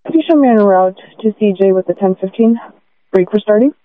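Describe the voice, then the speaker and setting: A woman's voice: medium pitch, fairly quick, no room sound. A woman officer gives her unit number and short codes over a police radio. The sound is narrow and phone-like, with a dry, close quality and no room around it. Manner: brief, matter-of-fact codes. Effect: police radio transmission.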